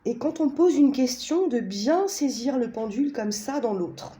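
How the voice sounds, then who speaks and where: A woman's voice: high voice, expressive, a little slow, dark tone. A woman casually presenting a pendulum and a card deck, talking hesitantly with many fillers and tag questions, chatty and self-mocking.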